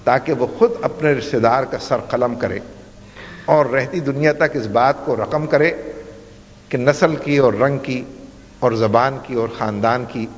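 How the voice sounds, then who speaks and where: Preacher man in a booming hall. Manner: rhetorical, building repetitions, Arabic recitation. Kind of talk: sermon. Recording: dull sound with long hall reverb.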